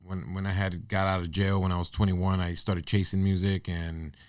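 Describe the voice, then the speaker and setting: A man's voice: deep voice, level tone, moderate pace, no room sound, clean studio sound. A man in his thirties, a guest on a podcast, talking in a casual, earnest and reflective way with loose restarts. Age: 30s. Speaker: podcast guest, artist and business owner. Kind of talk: casual interview chat.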